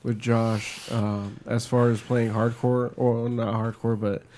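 A man's voice: medium pitch, little pitch movement, slow, a little mellow, a little hiss or hum. A man in his late twenties interviewing a band, casual and enthusiastic, swearing freely. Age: late 20s.

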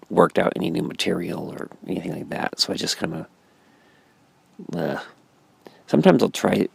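A man with a very deep, heavily gravelly voice that has a husky edge talks in a loose, rambling way, full of fillers and restarts. He sounds sleepy and early-morning, a comedian thinking out loud to his viewers. The sound is dry and close, with no room around it. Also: no room sound. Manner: rambling, self-reflective, frequent fillers and restarts. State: sleepy, yawning. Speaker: stand-up comedian. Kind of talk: casual vlog monologue.

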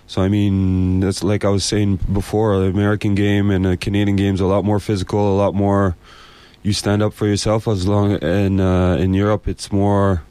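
A man's voice: fairly low pitch, level tone, moderate pace, mellow, clear, resonant tone, dry recording. A man giving casual, plain-spoken interview answers as a sports guest, often repeating his phrases.

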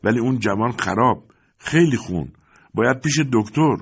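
A man's voice: medium pitch, animated, creaky, breathy edge, voice pushed up. A man voicing an earnest immigrant factory worker who speaks in broken, pleading sentences. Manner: broken grammar, pleading and urgent.

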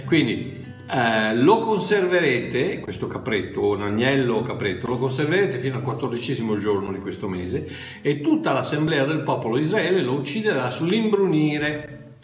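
A man's voice: medium pitch, lively intonation, moderate pace, echoey room, soft background music. A man preaching and teaching from the Bible in a conversational way, with frequent restarts and asides.

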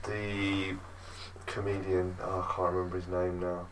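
Low-voiced rambling podcast host. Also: male voice, monotone, unhurried, far from the mic. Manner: rambling storyteller, loses names, swears. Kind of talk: casual chat.

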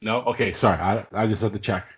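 A man's voice: lowish voice, fairly even intonation, fast, slightly rough. A man co-hosting a casual podcast, blunt and sarcastic, swearing casually. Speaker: podcast co-host. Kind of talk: casual chat.

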